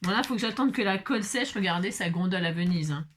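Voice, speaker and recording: A woman's voice: lowish voice, fast, a little hiss or hum. Playful French-speaking crafter woman chatting. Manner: playful, self-mocking, hums and sings to herself. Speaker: card-making crafter. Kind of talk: casual craft tutorial chat.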